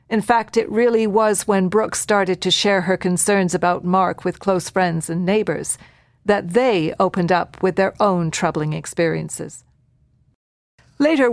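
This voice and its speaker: A woman narrating a documentary at a measured, reflective pace. Her pitch sits in a middle range, and the sound is dry and close to the mic. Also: dry recording.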